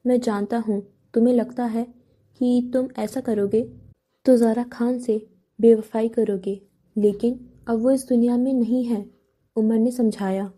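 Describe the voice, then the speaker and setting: A curious, teasing young man, voiced by a woman reading an audiobook keeps prodding his friend with questions. The voice is dark and mellow, a touch high. It is part of a romance novel read aloud. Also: fairly even intonation, close to an everyday voice.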